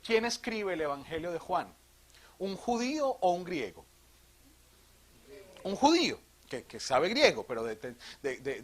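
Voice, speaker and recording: A man from Colombia, a priest, giving an animated theology talk to a live audience, asking questions and joking. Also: a little high. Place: retreat hall.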